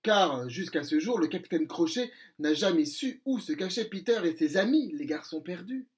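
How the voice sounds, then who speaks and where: A man voicing a wicked, hot-tempered pirate captain in a children's storybook reading, loud and falsely polite. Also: high voice, lively intonation, moderate pace. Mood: sly.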